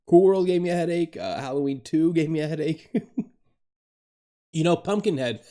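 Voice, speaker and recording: Laughing often and cursing freely, a Dominican male streamer talks casually with his viewers through a home desk mic. His voice sits on the high side and has a warm tone.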